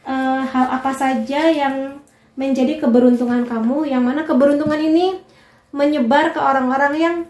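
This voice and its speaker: A woman's voice: high-pitched, steady tone, moderate pace, a little mellow, reverberant. A woman giving a casual tarot card reading and speaking directly to the viewer in a chatty, reassuring way. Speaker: tarot reader.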